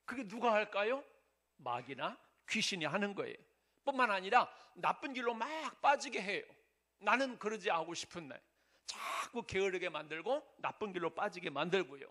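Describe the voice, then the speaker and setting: A man's voice: sits high, lively intonation, moderate pace, sharp tone. A male pastor giving a sermon in an earnest, conversational way, asking the congregation rhetorical questions. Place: church sanctuary.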